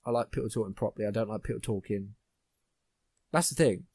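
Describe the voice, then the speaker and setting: A man's voice: lowish voice, fast, darkish tone, slightly rough, dry recording. Blunt ranting guy, swearing. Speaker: podcast host. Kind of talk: casual chat.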